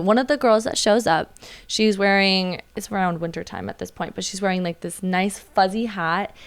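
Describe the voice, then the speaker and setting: A woman's voice: mid-range voice, smooth. A young adult woman, a waitress, chatting as a podcast guest and telling stories with lots of fillers. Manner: chatty storyteller with many fillers and likes. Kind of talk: casual podcast chat, storytelling.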